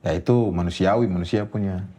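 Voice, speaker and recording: A man, telling a personal ghost story in a casual interview, animated and laughing often. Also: quick pace. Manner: animated, jumps high when quoting others, laughs often. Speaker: guest storyteller.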